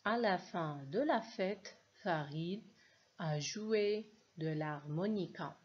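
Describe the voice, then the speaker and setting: A woman's voice: on the low side, expressive, slow, slightly rough. A woman teacher gives a reading lesson to children, patiently spelling out sounds and syllables. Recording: dull lo-fi recording.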